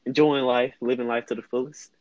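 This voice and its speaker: A tired young man co-hosting a casual late-night chat, easygoing and quick to agree. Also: medium pitch, flat delivery, a little mellow, dull audio, a little hiss or hum. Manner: easygoing, agreeable, chimes in often. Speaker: co-host.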